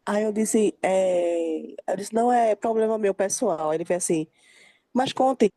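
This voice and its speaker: A young woman tells her faith story in a lively way, playing out the voices in it. Her tone is dark and mellow. The recording is dry and close. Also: medium pitch, measured pace, no echo. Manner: lively storytelling, acting out quoted dialogue. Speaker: participant sharing a testimony. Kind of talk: emotional faith testimony in a group call.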